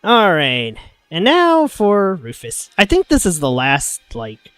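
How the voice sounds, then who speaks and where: A streamer who is sniffly and coming down with a cold talks through a game slowly, taking his time over each thought, in a smooth, bouncy, lively voice pitched a bit high. He swears casually and laughs a lot between points. His voice is recorded dry and close, with faint music underneath.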